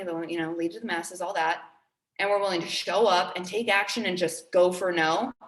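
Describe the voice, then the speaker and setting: A young woman in her twenties gives an upbeat, earnest pep talk to her team and circles back on her key phrases for emphasis. Her voice sits at an ordinary middle pitch, and she is recorded in a room with noticeable echo. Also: fairly bright tone. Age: 20s. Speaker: team trainer.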